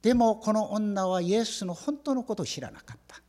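A man from South Korea, Korean his first language, preaching a sermon with animated storytelling, acting out the dialogue and asking the congregation questions. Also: high voice, a little fast, long reverb tail. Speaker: pastor.

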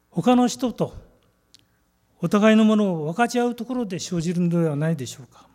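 A man delivers a sermon in a fairly high but mellow voice. His phrasing is measured and deliberate, and he slows down to stress key words. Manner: measured, emphatic preaching with slow stressed phrases. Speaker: pastor.

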